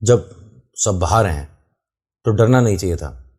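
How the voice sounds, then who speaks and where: A man narrates a first-person horror story in a relaxed, conversational way. His voice is low and dark with a husky grain. He addresses the listener directly and walks through where everything was. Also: measured pace.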